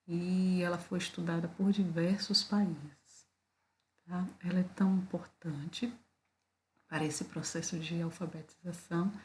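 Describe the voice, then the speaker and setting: A woman's voice: fairly low pitch, a little mellow. A woman with a Brazilian Portuguese accent giving a video lecture, explaining step by step and checking in with "tá?" and "né?". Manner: explanatory, with frequent "tá?" and "né?" check-ins. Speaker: teacher.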